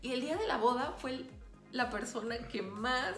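Chatty young Mexican woman, fairly high voice, laughs a lot, echoey room with faint music. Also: expressive, normal speed. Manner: chatty, laughs often, addresses viewers as "chicos". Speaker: vlog co-host. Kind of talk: casual chat.

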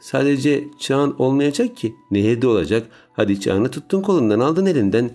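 A man's voice: medium pitch, lively intonation, brisk, dark tone, soft background music, pitched above the performer's own voice, close to an everyday voice. A man voicing an earnest, determined young woman who pleads urgently, in a raised voice, in an audiobook reading. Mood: pleading.

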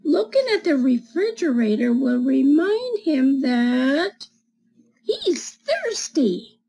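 Reading a picture book to schoolchildren, this seventy-something storyteller speaks deliberately, pausing to explain the illustrations and ask the children soft questions. Her high-pitched voice swings widely in pitch. The low-quality audio comes from a desk-distance webcam in a small indoor home room with bookshelves.

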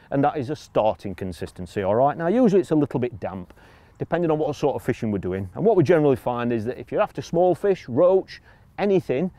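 A man's voice: mid-range voice, warm tone, dry recording. A middle-aged man from the UK explaining fishing technique outdoors by a lake, chatty and informal, often checking in with "all right?" and "you know". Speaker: angling coach. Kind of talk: casual outdoor tutorial.

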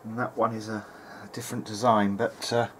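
A man hosting an informal hands-on electronics session at his indoor workbench thinks aloud hesitantly. He is a hobbyist repairer with a lowish, slightly bright voice, flat delivery and a brisk pace. The workshop room's background noise comes through clearly.

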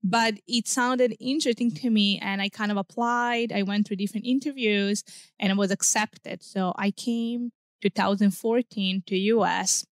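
A woman from Serbia, a non-native English speaker, answering interview questions in a measured, casual way. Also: medium pitch, steady tone, no echo, clean studio sound. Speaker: guest researcher.

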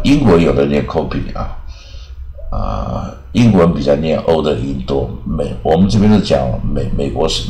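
Very deep-voiced teacher. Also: male voice, a little mellow, reverberant. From Taiwan. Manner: drawn-out repetitions with frequent "啊" fillers. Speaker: English pronunciation teacher. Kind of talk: casual recorded vocabulary lesson.

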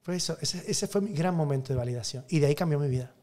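A man's voice: fairly high pitch, fast, dark tone. A man who is a priest, telling a personal story emphatically in an interview and acting out the dialogue.

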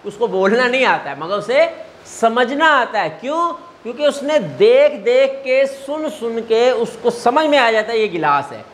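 High-voiced man drilling language sounds. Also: animated. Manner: drilling, repeating sounds slowly and quizzing the viewer; encouraging, urging constant practice. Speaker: language teacher. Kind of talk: video language lesson.

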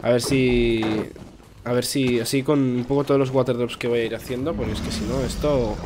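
A man's voice: medium pitch, steady tone, a little fast, background noise. A man with a Spain Spanish accent giving casual, rambling gameplay commentary, swearing freely as he talks. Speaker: gaming YouTuber.

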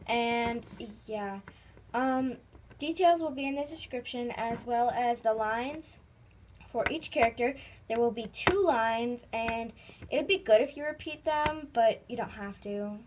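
Her pitch is fairly high and the background noisy as this toy channel host rambles casually through a vlog, her sentences tending to trail off. She films indoors, holding the phone near herself.

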